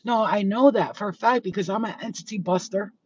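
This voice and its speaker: In a fairly quick, darkish mid-range voice, a woman in her 40s from New York who works as a spiritual healer vents bluntly and with profanity to her viewers in a casual rant. The sound is slightly dull with faint noise behind it.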